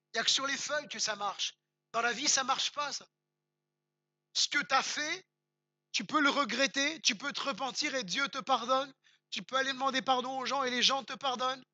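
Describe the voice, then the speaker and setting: Emphatic French pastor preaching, bright voice. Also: male voice, very high voice, normal speed, no room sound. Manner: emphatic, repeats words for stress, rises to near-shouts; conversational asides, addresses the congregation directly. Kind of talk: sermon.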